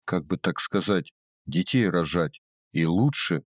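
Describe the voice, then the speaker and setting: A sly old overseer from underground, gruff and scornful, drawling his words in a deep, low voice, as a male narrator plays him. The reading is close and dry. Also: animated, unhurried, dry recording. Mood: gruff mocking.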